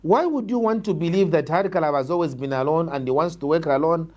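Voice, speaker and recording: Speaking fast in a fairly high, darkish voice with the highs cut off, this Zambian-accented man is a guest from an opposition party. He answers political questions argumentatively and emphatically, repeating phrases to stress his points.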